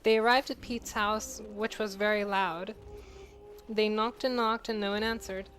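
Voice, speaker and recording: A woman's voice: mid-range voice, fairly even intonation, unhurried, fairly bright tone, faint music behind, poor audio. A young woman co-hosting a gameplay video, reading a crude fan story aloud and laughing through it. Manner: giggly, reads aloud while breaking into laughter.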